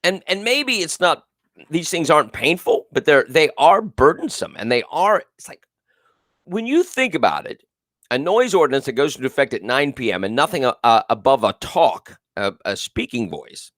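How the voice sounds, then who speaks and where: Slightly high and sing-song, his fairly bright voice moves at a normal speed in a clean studio recording without echo. The male host projects strongly as he gives repetitive, emphatic political commentary on live call-in radio and reads viewers' comments out loud.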